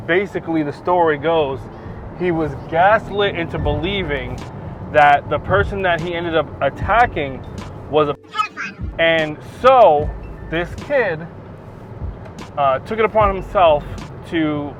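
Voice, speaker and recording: A man from New Jersey with an American accent, talking in a halting, emphatic, incredulous way in a casual gaming vlog. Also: on the high side, a bit bright, highs cut off. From New Jersey, USA. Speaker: gaming content creator. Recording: music behind the voice.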